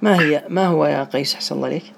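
Teaching a small online class, a male teacher talks fast in a gravelly, creaky, slightly high voice. He stays patient, repeatedly asking questions to make sure his students are following.

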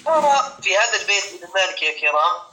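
A man teaching a grammar lesson to students, patiently repeating words slowly and stopping to check whether they understand. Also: high voice, big pitch swings, heavy background noise. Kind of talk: explanatory classroom lesson.

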